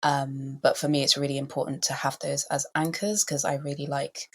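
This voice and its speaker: A Welsh woman from Wales, a podcast guest answering in a thoughtful, measured way with frequent ums. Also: low voice, little pitch movement, husky. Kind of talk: reflective interview answers.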